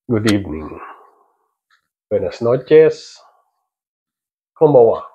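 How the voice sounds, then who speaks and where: A man's voice: fairly low pitch, big pitch swings, very slow, mellow, husky, highs cut off. A middle-aged father filming a casual family vlog, playful and teasing, often laughing. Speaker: father and vlogger.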